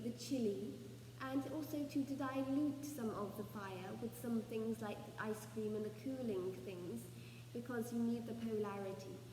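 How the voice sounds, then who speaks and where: Female seance medium, trance channelling, ceremonial and measured phrasing, dark-warm tone, recorded at a distance with faint noise. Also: fairly high pitch. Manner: formal, ceremonial phrasing as a collective 'we', with deliberate pauses. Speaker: trance channeller, spirit medium leading a session. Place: echoey room, away from the microphone. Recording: roomy, reverberant, distant mic, faint noise.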